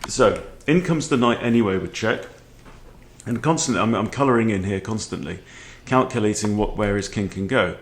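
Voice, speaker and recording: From a book-lined room in his home, a chess video host in his forties chats through a game, regularly asking short questions. His voice sits on the low side and he talks at normal speed.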